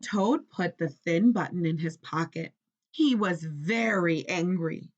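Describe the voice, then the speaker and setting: A woman teacher reading a children's story aloud in an expressive, instructional way, often stopping to ask questions. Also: fairly low pitch, slow, dull audio.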